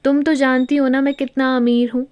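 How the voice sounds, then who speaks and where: A woman voicing a calm, wealthy young husband who humors his tipsy wife in a storybook. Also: high voice, a little fast, smooth, natural voice. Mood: dry. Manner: calm, dry, indulgent. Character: cool, wealthy young husband, amused and patient.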